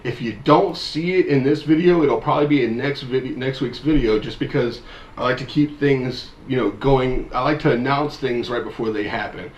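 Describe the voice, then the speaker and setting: A man's voice: mid-range voice, moderate pace, highs cut off, slight background noise. Chatty man in his thirties, echoey room. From mid-Michigan, USA. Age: 30s. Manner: chatty, upbeat, addresses viewers directly. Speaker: disc golf channel host. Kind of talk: casual weekly news vlog.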